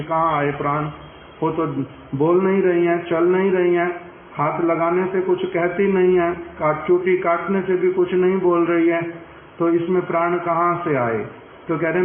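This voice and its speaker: High-voiced man preaching, tinny echoey audio. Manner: retells in first person, voicing the saint's words. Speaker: preacher telling a saint's life. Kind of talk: devotional storytelling talk. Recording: echoey, tinny phone-like audio with faint hiss.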